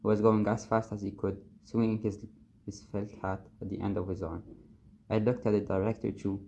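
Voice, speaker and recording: A man reading a novel excerpt aloud in the first person, at a measured and steady pace. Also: lowish voice, slight background noise. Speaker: reader of a book excerpt.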